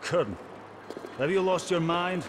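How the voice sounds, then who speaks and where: A man's voice: sits high, moderate pace, lightly acted. A man playing a haughty, indignant Soviet general in a video game. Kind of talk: video game drama acting. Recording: noisy game ambience behind.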